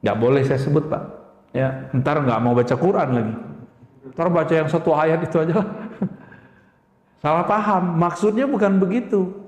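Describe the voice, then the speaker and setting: A man delivers an emphatic sermon in a high voice, often throwing rhetorical questions at the congregation. His words ring out in a large hall with a long, roomy reverb. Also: normal speed, pauses often, a little mellow. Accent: Indonesian. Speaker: preacher. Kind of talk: religious lecture to a congregation.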